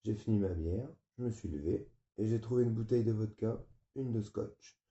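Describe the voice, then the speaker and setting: A man reading a novel aloud in a flat, weary first-person narration. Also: lowish voice, moderate pace. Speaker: audiobook reader. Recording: muffled, roomy.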